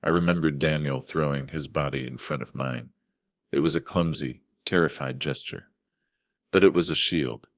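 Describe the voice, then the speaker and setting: An older man narrating a first-person family drama story in a steady, measured way. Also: extremely low pitch, no echo, clean studio sound.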